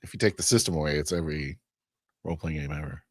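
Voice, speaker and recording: A man's voice: a bass voice, steady tone, fast talker, no echo. A man co-hosting a casual chat about tabletop games, from the United States, dropping dry, wry asides and short questions. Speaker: podcast co-host.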